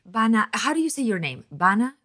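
A woman's voice: a little high, very animated, fairly quick, sharp tone. A woman from Spain hosting a podcast interview, talking at length and rambling with restarts. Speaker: podcast host.

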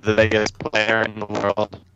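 A man's voice: lowish voice, a little slow. A man joking with his podcast co-hosts over a muffled lo-fi headset mic that makes him sound underwater. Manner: joking, deadpan comebacks. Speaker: podcast co-host. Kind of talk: casual group chat. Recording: dull lo-fi voice-chat line with faint hiss.

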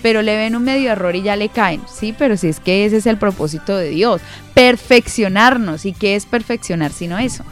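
A woman's voice: medium pitch, normal speed, few pauses. A woman with a mid-range voice shares faith lessons through humorous everyday stories. She slips into short acted-out exchanges to make her point. Faint music plays behind her. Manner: lively storytelling, acting out everyday dialogue with humor. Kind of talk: conversational faith talk.

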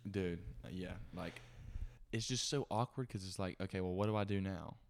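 A man's voice: low-pitched, moderate pace. A young man chatting casually with a friend, sheepish and easygoing, his voice prone to cracking. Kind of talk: casual chat.

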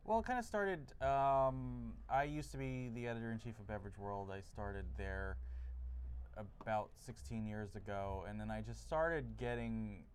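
A man's voice: lowish voice, moderate pace. A man being interviewed as an author, answering casually at a live bookstore event. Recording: noisy live room recording at bookstore.

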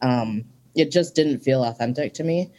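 A guest in their forties from Minnesota talks earnestly and reflectively in a casual interview, saying "um" often. The voice is mellow, mid-pitched, and moves at a normal speed.

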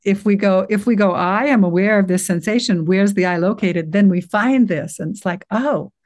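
An older woman gently guiding a listener through an inner awareness exercise, reassuring and unhurried, with frequent restarts. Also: medium pitch. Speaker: guest teacher guiding a practice. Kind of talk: guided meditation walkthrough in conversation.

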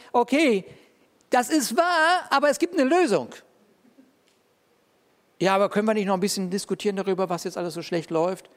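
A man preaching a sermon in a lively, conversational way, often checking in with his listeners. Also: high-pitched. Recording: long reverb of a large hall.

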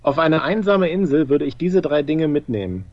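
A male co-host puts short questions to a guest in a casual interview style. His fairly high voice moves animatedly up and down, and the recording is a little dull. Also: very animated, normal speed, a little mellow, no room sound. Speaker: co-host asking quiz questions. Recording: slightly dull, lo-fi sound.

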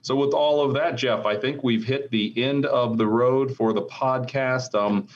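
A man's voice: medium pitch, steady tone, a little slow, highs cut off. An American man hosting a podcast, chatting casually about business in a rambling, conversational way full of asides. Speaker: podcast host. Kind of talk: casual market commentary chat.

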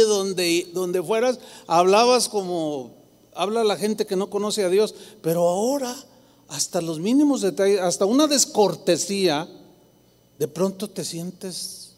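A man with a Mexican Spanish accent preaching a sermon as pastor, animated and acting out the voices of churchgoers. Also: sits high. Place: large church hall. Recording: long hall reverb.

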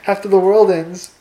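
A young woman chatting casually with a friend and reading out a story she wrote, playful and quick to laugh. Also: mid-range voice, warm tone, echoey room. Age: young adult. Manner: playful, laughs easily, reads a story aloud. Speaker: co-host.

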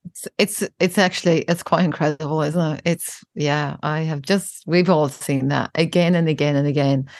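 A woman's voice: low-pitched, steady tone, moderate pace, no echo, clean studio sound. A middle-aged woman, a parenting educator, talking reflectively in a podcast conversation and laughing easily. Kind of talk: casual chat.

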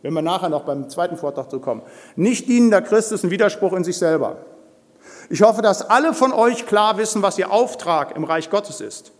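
An older man delivers a forceful, blunt sermon in a church hall. His voice sits high for a man. A long reverb trails his words through the room. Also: expressive, a little fast. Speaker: preacher.

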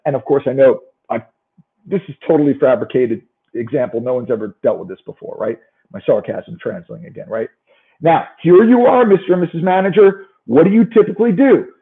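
A man's voice: mid-range voice, expressive, fairly quick, gravelly. A man with a New York accent giving a motivational business talk as a coach, emphatic and often putting rhetorical questions to his listeners. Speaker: sales coaching speaker and trainer. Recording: thin, narrow-band phone-like sound.

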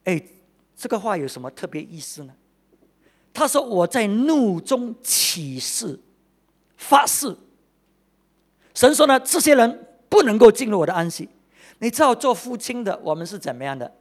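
Animated male preacher, lively pitch. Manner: animated, exclaiming, swings between loud and quiet; peppers talk with "OK" and drawn-out fillers. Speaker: pastor. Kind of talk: sermon.

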